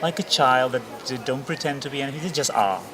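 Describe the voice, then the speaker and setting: A man's voice: medium pitch, fast, a crowd in the background. A man hosting an interview, asking long, rambling questions with many restarts. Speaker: interviewer, host. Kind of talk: casual conversation.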